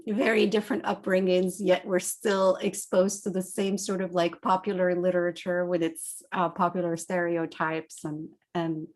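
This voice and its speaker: A middle-aged woman from Morocco, interviewing an author in a thoughtful, measured way over a video call. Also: on the low side, level tone, a little mellow. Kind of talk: casual conversation.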